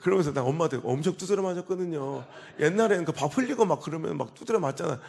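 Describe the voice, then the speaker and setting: Man, pastor, revival sermon, forties, slightly high voice, storytelling, loud outbursts and quiet asides. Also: expressive, fast, creaky. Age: 40s.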